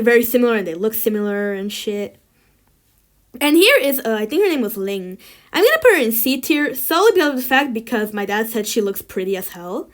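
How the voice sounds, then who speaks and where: A woman ranking things in a tier list, chatting casually and giving blunt opinions with lots of filler words. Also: on the high side. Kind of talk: casual chat.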